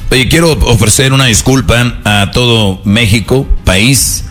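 A man's voice: mid-range voice, measured pace, fairly bright tone, soft background music. A man bantering playfully and teasing his co-hosts on a comedy show. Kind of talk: joking banter.

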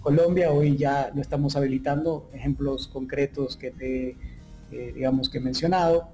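A mellow, warm-toned man in his thirties, originally from Ecuador, talks at length about his business in an interview. He speaks fluently but fills his sentences with hesitations and restarts. Faint music plays softly behind him. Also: medium pitch, fairly even intonation. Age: 30s. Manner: fluent, many filler pauses and restarts. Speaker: tech startup founder, guest.

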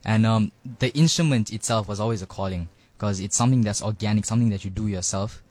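A man's voice: on the low side, fast, darkish tone, no echo. An eighteen-year-old man, answering radio interview questions hesitantly with many ums and likes. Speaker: band drummer, guest. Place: radio studio.

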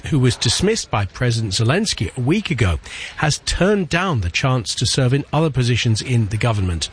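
A man's voice: mid-range voice, a little hiss or hum. A male news presenter reading scripted links and questioning a correspondent on the radio. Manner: smooth, scripted delivery.

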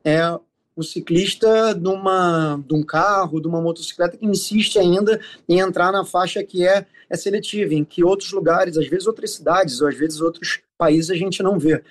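A man with a Carioca Brazilian accent giving explanatory interview answers as a city official, often pausing and repeating filler sounds as he searches for words. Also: high voice, fairly even intonation. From Rio de Janeiro, Brazil.

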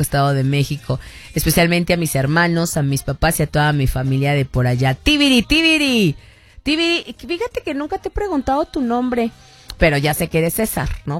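A Mexican woman hosting a radio show, chatting easily and reading listeners' messages aloud. Her talk stays casual and conversational. Faint music plays behind her. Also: fairly low pitch. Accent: Mexican Spanish. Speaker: radio host.

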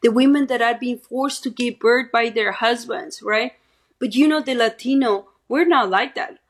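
Woman, Mexican Spanish accent, husky voice, middle-aged, chatty, keeps saying "right?". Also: mid-range voice, fairly bright tone. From Mexico City. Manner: talkative, keeps adding "right?". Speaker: guest speaker and activist. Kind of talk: interview testimony.

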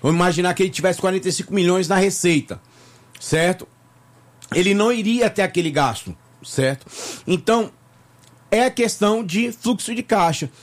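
Man, from Bahia in Brazil, radio guest, tax lawyer, slightly high voice, rambling, lots of fillers. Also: moderate pace. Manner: chatty, repeats himself, many fillers. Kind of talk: casual radio interview. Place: radio studio.

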